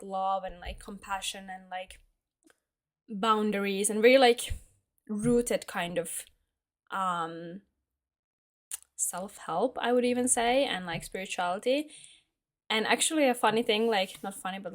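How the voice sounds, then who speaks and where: A young woman from Finland, talking casually to camera as a vlogger, hesitant and full of fillers as she searches for words. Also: medium pitch. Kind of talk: casual personal monologue.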